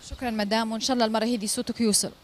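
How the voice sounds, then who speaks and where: Woman reporter firing off short questions really fast, pretty high voice. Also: flat delivery. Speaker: street reporter. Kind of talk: street interview questions.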